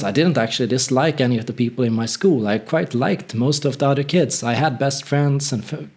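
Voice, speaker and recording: A man's voice: medium pitch, a little mellow. A man from northern Sweden, telling a personal story in a candid, reflective, conversational way. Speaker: channel host.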